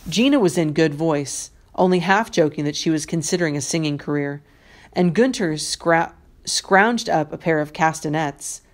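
A woman teacher reads a novel aloud to her class. Her voice sits low and deep for a woman. She reads in a measured, expressive way, giving the story its weight.

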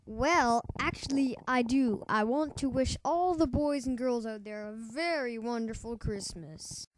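A woman's voice: fairly high pitch, measured pace, natural voice. Woman as mild captive Santa, noisy recording. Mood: mildly pleading. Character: cheerful, stubborn captive Santa Claus. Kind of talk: amateur cartoon voice acting. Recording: noisy amateur recording with clicks.

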